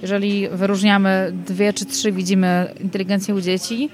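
A woman's voice: mid-range voice, flat delivery, moderate pace. A woman hosting a conversation, speaking thoughtfully and hesitantly with frequent restarts. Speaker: host. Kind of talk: conversational interview.

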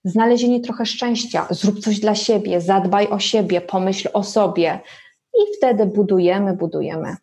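A woman's voice: medium pitch, moderate pace, dark tone. A woman speaking as a podcast guest, answering in a conversational interview style. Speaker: podcast guest, workshop leader.

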